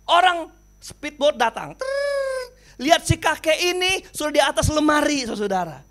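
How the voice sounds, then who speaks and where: Animated high-voiced male preacher. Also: unhurried. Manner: animated, dramatic storytelling with sudden drops in volume. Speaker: pastor. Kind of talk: sermon storytelling.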